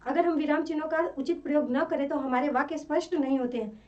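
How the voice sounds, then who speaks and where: Woman teacher, high voice, patient explanations, distant dull recording. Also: fairly even intonation, darkish tone. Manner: slow, explanatory, repeats examples. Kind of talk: classroom lesson.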